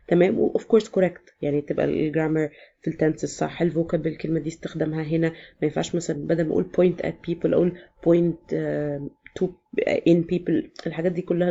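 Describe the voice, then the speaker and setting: A woman's voice: deep voice, vocal fry, dark tone, husky, muffled recording. A woman with an Egyptian Arabic accent, casually explaining exam sections in a chatty vlog lesson, often switching into English. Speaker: exam prep teacher.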